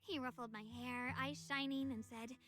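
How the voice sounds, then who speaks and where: An actress voicing a young woman sword wielder in a game, soft-spoken and reflective as she recalls her brother. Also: high-pitched, fairly even intonation, normal speed. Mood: wistful. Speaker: game character. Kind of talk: voiced game dialogue.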